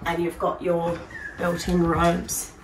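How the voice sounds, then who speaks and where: Her voice is on the low side, monotone and slow, yet this prize home presenter stays upbeat as she walks through a spacious empty modern house and its deck, pointing out features. Background noise and echo are present, and the distant handheld camera makes her sound a bit far from the mic.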